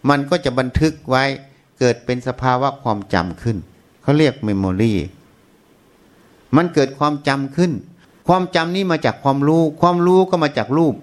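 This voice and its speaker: A man's voice: mid-range voice, lively intonation, a little fast. A man, a Buddhist monk, giving a Dharma talk, patiently explaining and asking questions that he often answers himself.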